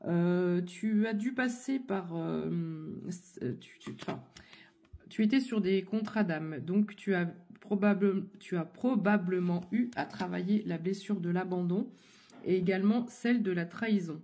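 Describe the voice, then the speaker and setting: A woman doing a tarot reading, speaking warmly and directly to one listener. Her voice is mellow and a little husky, still not fully recovered from an illness. She hesitates often, restarting phrases and filling pauses as she goes. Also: on the low side. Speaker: tarot card reader. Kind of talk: casual spoken tarot reading.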